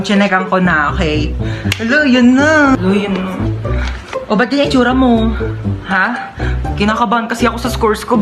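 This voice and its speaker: A woman acting out comic family skits, playing every role herself and switching quickly between characters, with bursts of shrieks and laughter. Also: mid-range voice. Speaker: comedy skit performer. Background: music.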